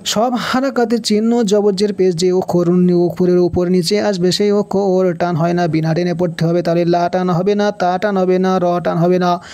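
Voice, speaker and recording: A man teaching Quran reading in a Bangladeshi Bengali accent, spelling out letters and vowel marks slowly and then chanting the verses. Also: high voice, steady tone, mellow. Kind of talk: Quran recitation lesson.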